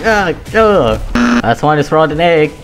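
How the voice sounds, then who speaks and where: A young man chatting casually while playing a game, excitable, often yelping and laughing. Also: a little high, moderate pace, noisy background. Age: young adult. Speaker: gamer. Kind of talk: casual gaming chat. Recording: music playing underneath.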